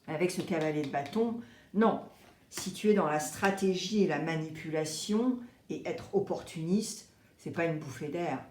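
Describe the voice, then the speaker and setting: A woman giving a casual, chatty tarot reading, expressive and animated, acting out little quoted exchanges. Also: fairly low pitch, echoey room. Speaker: tarot reader.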